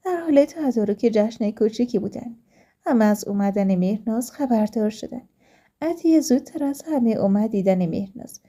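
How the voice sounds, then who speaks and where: Very dark, mellow storytelling woman. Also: a little high, lively intonation. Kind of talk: first-person story narration.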